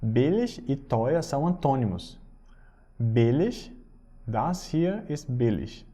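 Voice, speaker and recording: A man teaching German, explaining patiently and reading German phrases slowly. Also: mid-range voice, sing-song, mellow, husky. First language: Portuguese. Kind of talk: recorded language lesson.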